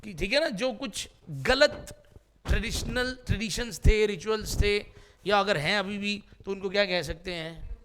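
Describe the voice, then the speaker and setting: A man's voice: high voice, measured pace, fairly bright tone, a little hiss or hum. A man teaching English vocabulary in a classroom, quizzing students with repeated questions in a playful way.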